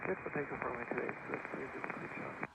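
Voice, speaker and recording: A man's voice: mid-range voice, big pitch swings, quick pace, vocal fry. A man speaking as an airline pilot over a cockpit headset radio, giving clipped readbacks. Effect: cockpit headset radio transmission. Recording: muffled, noisy aviation radio.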